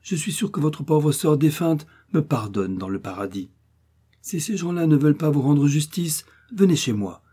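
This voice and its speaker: A man reading aloud and voicing an indignant older peasant woman who speaks out loudly and emphatically in raised tones. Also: sing-song, normal speed, breathy edge. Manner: raised pitch, emphatic declaiming.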